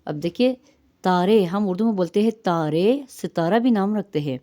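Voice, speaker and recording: A woman teaching vocabulary, stretching out words slowly to model their pronunciation. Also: mid-range voice, warm tone. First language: Urdu. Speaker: language teacher. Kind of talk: vocabulary lesson.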